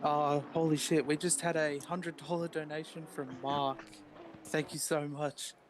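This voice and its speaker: A man reporting from the pits of a live sim race, jumping in with hurried, urgent messages. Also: on the high side, level tone. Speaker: pit reporter. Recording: distant mic with loud background noise.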